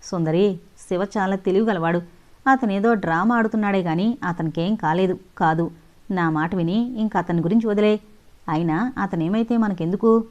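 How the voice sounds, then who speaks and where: A woman voicing a sharp-tongued, stubborn young woman who speaks sarcastically and firmly, in an audio novel. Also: mid-range voice, normal speed, highs cut off, lightly acted. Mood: stern, sarcastic. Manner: sarcastic, firm.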